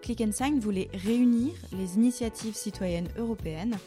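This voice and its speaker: A young woman hosting a podcast, reading a clear explanatory introduction and then interviewing a guest. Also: on the high side, moderate pace, dark tone, faint music behind. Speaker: podcast host. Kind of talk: scripted narration and interviewing.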